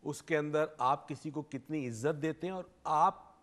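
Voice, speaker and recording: A man's voice: fairly high pitch, moderate pace, fairly bright tone. A man with a Pakistani Urdu accent, a doctor explaining self-esteem on a TV talk show, lecturing and giving examples. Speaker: doctor and expert guest.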